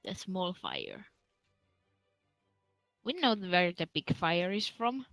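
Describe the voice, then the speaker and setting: Woman player, unhurried, expressive pitch, dry close sound, playful. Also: vocal fry, no echo, soft background music. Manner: playful, joking. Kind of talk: casual chat at a tabletop game.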